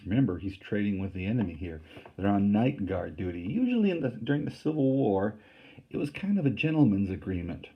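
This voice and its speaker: A man's voice: on the low side, lively intonation, brisk, breathy edge, lo-fi sound. A man reading a novel aloud to a class and explaining passages in a plain, casual tone. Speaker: teacher.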